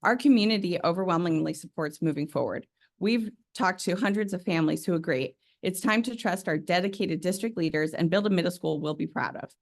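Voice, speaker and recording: A woman speaking for a group of parents at a school board meeting, reading a prepared statement briskly. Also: lowish voice. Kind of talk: read public comment at a board meeting.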